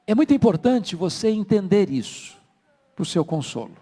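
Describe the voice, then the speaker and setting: A man preaching a sermon in Brazilian Portuguese, swinging from soft, low asides to loud, slow emphasis. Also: very animated, husky. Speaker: pastor. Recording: long hall reverb.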